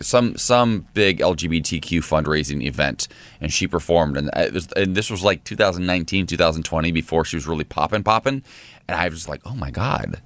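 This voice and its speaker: A man's voice: deep voice, fairly bright tone, no room sound. A man co-hosting a morning talk show, chatting animatedly and gushing. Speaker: co-host. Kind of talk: casual chat.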